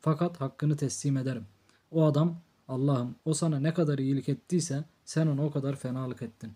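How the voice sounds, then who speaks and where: A man's voice: medium pitch, fairly even intonation, brisk, warm tone, natural voice. A man voicing a blunt, threatening drunk older brother in an audiobook, in a harsh scolding tone. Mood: brooding. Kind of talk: audiobook character reading.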